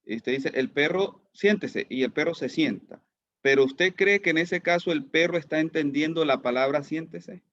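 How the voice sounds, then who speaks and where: A man's voice: fairly high pitch, moderate pace, fairly bright tone, no echo, dull audio. A man teaching an online class, who keeps asking his students questions and repeats words as he goes. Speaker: lecturer.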